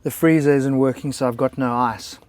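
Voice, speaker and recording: A man's voice: mid-range voice, fairly even intonation, moderate pace, darkish tone, no room sound. Chatty South African man vlogging. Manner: chatty, joking, self-deprecating. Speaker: travel vlogger. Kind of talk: casual vlog chat. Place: motorhome camp beside a racetrack, outdoors.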